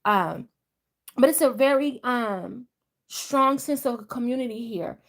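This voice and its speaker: A middle-aged Delaware woman chats casually on a live stream, her voice a little high and her pace slow. She's a vlogger who rambles along conversationally, often restarting her sentences.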